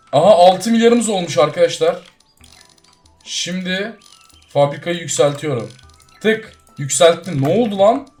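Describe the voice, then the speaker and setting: Brief: male gaming commentator, fairly high voice, jumpy and chatty, faint music underneath. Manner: excitable, swings between loud surprise and muttering; talks straight to viewers. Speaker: gaming YouTuber. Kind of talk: casual gameplay commentary.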